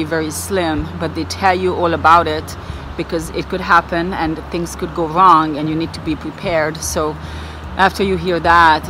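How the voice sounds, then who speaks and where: A woman vlogger gives a casual, personal recap of an outing to her viewers. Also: on the low side. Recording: clear outdoor background noise.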